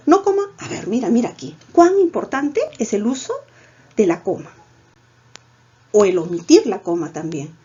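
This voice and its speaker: Woman, Peruvian Spanish accent, teacher, coaxing, husky voice, dull lo-fi sound. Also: medium pitch. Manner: lively, coaxing, peppers lines with "¿ya?". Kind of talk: recorded grammar lesson.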